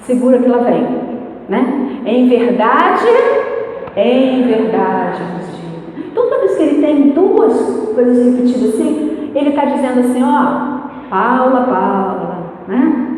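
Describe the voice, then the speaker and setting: High-voiced Brazilian woman preaching in echoey hall. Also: measured pace, far from the mic, slight background noise. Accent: Brazilian Portuguese. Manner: lively, questions the congregation and acts out voices. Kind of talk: sermon. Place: church hall.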